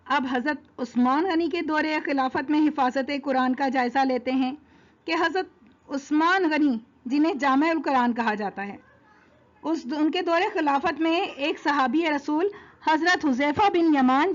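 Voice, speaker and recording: A woman giving a religious history lesson, explaining steadily and laying out her points in numbered order. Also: sits high. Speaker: religious lecturer. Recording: dull lo-fi recording.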